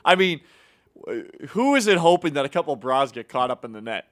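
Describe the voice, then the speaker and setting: A man's voice: medium pitch, very animated, brisk, a bit bright. A man hosting a casual hockey news segment, upbeat and teasing his co-host, with plenty of filler words. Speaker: show host. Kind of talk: casual sports news chat.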